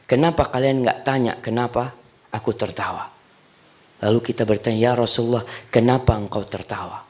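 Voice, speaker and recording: A man preaching a sermon to a congregation, animated, dropping to hushed lines and rising to loud, high cries, and asking the listeners questions. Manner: addresses the congregation directly, asks them questions.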